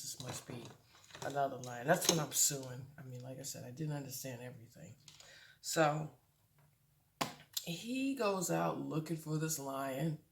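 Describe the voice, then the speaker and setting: A middle-aged woman vlogger casually retelling a movie plot, full of fillers and animated asides. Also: extremely low pitch, gravelly, background noise. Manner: animated storytelling with many fillers.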